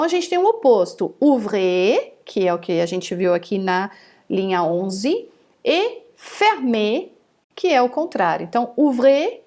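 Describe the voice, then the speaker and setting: A woman gives an online French lesson from home. Her voice sits a little high, and she speaks slowly and deliberately. She models each phrase twice before she explains it. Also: darkish tone. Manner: slow, careful modelling of phrases, repeated twice. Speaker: French teacher.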